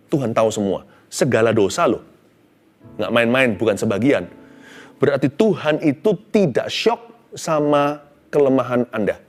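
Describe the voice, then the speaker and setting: A middle-aged man preaching a sermon, telling a personal story with animated swings between loud exclamations and hushed tones, mixing in English phrases. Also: medium pitch. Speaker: pastor.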